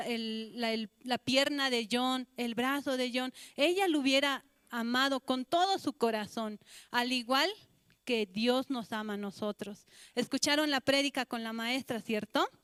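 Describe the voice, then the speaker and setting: A woman's voice: high-pitched, a bit bright, clean tone, no room sound, studio quality. A woman with a Bolivian Spanish accent, a children's church teacher telling a sermon story and asking the children questions. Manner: addresses children directly with questions.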